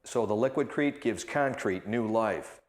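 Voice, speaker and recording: A man's voice: on the low side, measured pace. A man hosting an infomercial with an upbeat, emphatic hard-sell delivery, presenting and putting questions to guests. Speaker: infomercial host.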